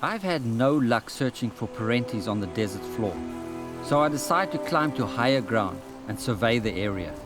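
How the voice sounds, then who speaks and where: Dude doing calm documentary voiceover, music playing under it. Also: male voice, mid-range voice. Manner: measured, reflective first-person narration. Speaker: documentary narrator. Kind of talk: scripted narration. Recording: narration over music.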